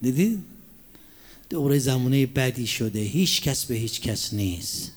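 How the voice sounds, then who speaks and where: A man preaching a religious sermon, asking the audience rhetorical questions and reciting Arabic quotations slowly and deliberately. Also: mid-range voice, expressive. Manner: drops to a hushed near-whisper for emphasis.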